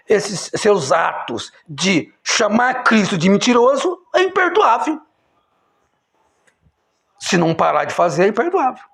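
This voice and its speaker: A man preaching an impassioned sermon, emphatic, swinging between loud exclamations and low, quiet lines. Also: creaky.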